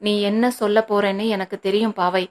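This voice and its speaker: A woman's voice: medium pitch, level tone, moderate pace, a little mellow, natural voice. A woman reading a novel aloud, voicing an angry, protective older brother who scolds his sister sharply.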